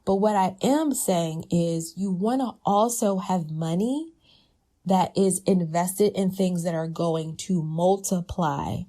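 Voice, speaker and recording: A woman's voice: on the low side, takes it slowly, dark tone. A woman business coach giving conversational, emphatic advice to entrepreneurs, now and then laughing lightly. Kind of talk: casual advice talk.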